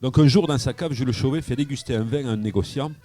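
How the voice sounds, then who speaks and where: A man's voice: mid-range voice, fast talker, dark tone, no room sound, soft background music. A man telling a wine anecdote on live radio from a wine shop, with frequent hesitations and repeated words. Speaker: wine columnist. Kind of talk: radio wine chronicle, storytelling.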